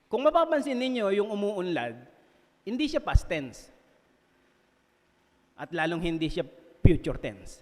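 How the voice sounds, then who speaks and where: A Filipino man delivers a sermon in a fairly high voice, lively and quick to joke at his own expense. He keeps checking in with his congregation as he goes. His voice rings with the long reverb of a church hall. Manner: lively, jokes and laughs at himself, often checks in with listeners. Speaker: preacher. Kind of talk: sermon mixing Tagalog and English.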